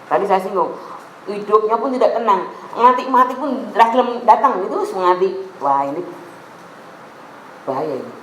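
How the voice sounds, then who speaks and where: Woman pastor, Javanese accent, lively sermon, roomy echo with faint background hum. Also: mid-range voice, normal speed, long pauses. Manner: lively, mixing in local Javanese phrases. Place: church hall. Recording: echoey room with faint ambience.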